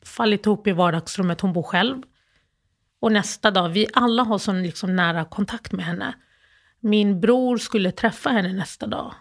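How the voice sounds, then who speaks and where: A grieving woman as an interview guest, telling a personal story in a halting, emotional way with many restarts. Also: medium pitch.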